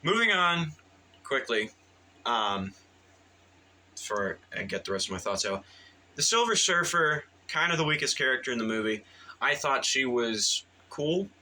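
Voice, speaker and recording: A man's voice: medium pitch, very animated, a little slow, bright, forceful tone, slight background noise, poor audio. A man giving a casual, rambling movie review, full of fillers and restarts and eager in tone.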